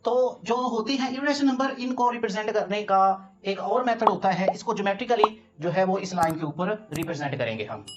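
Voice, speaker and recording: A man's voice: sits high, expressive, a little fast, hardly any pauses, lo-fi sound, over music. A man from Pakistan teaching a math lesson, explaining each step patiently in a mix of Urdu and English terms.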